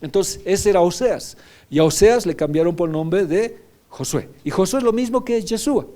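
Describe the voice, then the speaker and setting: Pastor preaching in a mellow voice. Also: male voice, high voice, lively intonation, normal speed. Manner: teaching, often checking in with "¿ya?". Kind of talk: sermon.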